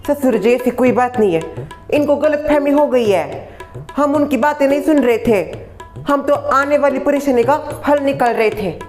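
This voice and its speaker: A woman's voice: high voice, moderate pace, darkish tone, lightly acted. A woman playing a defensive, scheming young daughter-in-law in a family comedy skit, talking in a pleading, explaining way. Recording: echoey room, faint background music.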